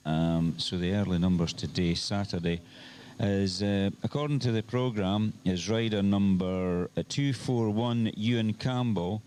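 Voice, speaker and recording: A Scottish man commentating on a trials event for local radio, chatting in a relaxed, rambling way with many hesitations. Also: lowish voice, unhurried, a little hiss or hum.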